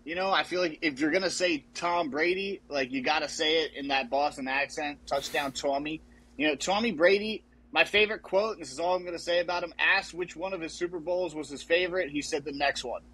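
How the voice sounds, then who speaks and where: A man's voice: a little high, brisk, hardly any pauses, pushed and bright, husky, low-quality recording. A young man co-hosting a casual sports podcast, joking and chatty. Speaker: podcast co-host.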